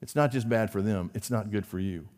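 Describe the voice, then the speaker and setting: Male pastor preaching to his congregation in a church with a long echo, emphatic one moment, quiet and low the next. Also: brisk. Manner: preacherly, rising to emphatic peaks then dropping low and quiet. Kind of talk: sermon. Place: church sanctuary.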